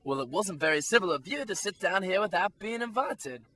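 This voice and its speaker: A brusque, contrary hare, acted by a woman, bossy and curt, with big swings in pitch. It sounds like a homemade audio play with faint noise underneath. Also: animated, a little fast, fairly bright tone, natural voice. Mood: rude, contrary. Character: brusque, contrary March Hare at tea party. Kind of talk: amateur student audio drama.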